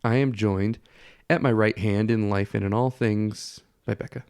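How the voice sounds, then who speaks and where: A man's voice: lowish voice, fairly even intonation, moderate pace, gravelly, darkish tone, clear, resonant tone, dry recording, studio quality. A man hosting a casual podcast, sounding nasal and congested from a head cold that blocks his nose. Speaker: podcast host.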